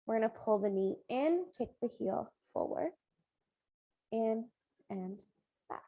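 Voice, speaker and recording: A woman's voice: on the high side, expressive, takes it slowly, dark tone, no room sound. A woman cueing exercises as an aerobics instructor, giving short, encouraging instructions and counts. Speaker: fitness instructor leading a beginner strength and flexibility class.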